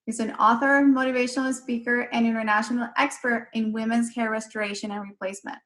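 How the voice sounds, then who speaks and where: A woman's voice: fairly high pitch, steady tone, fast, a bit bright. A woman hosting an online interview, eager and effusive in her welcomes. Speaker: summit host.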